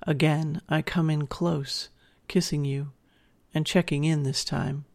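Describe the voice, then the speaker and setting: Creaky-voiced intimate narrator, mid-pitched. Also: level tone, slow pace. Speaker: narrator speaking as a dominant partner. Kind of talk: intimate second-person erotic audio narration.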